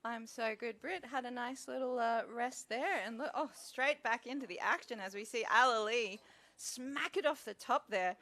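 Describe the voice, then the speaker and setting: A woman's voice: a little high, moderate pace, bright, forceful tone. A woman co-commentator giving live play-by-play sports commentary from a booth. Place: commentary booth at a surfing event.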